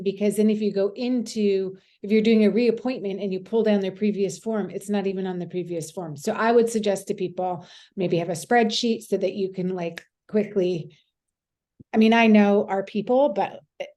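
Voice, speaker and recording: A woman chimes in during a meeting, speaking conversationally with some hesitant fillers. Her voice is mellow and warm. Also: medium pitch, steady tone, moderate pace. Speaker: session participant. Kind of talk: casual meeting remarks.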